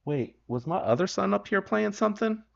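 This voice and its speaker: A man's voice: high voice, expressive, fairly quick, gravelly. Easygoing man on a dull livestream. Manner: rambling, self-correcting and easygoing. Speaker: knife channel host. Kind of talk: casual livestream chat. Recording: dull lo-fi stream audio.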